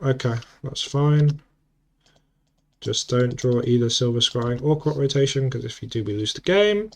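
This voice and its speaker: Thinking aloud while playing an online card game, a man mutters relaxed, self-correcting commentary on each move. He has a cold and a sore throat, and his mid-range voice is gravelly and moderately paced.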